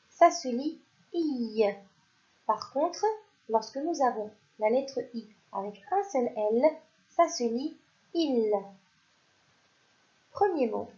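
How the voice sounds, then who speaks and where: A woman teaching young children to read, spelling out words slowly and clearly, syllable by syllable. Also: on the high side, darkish tone. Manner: slow, clear, stretches out syllables. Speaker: primary school teacher. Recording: dull lo-fi sound.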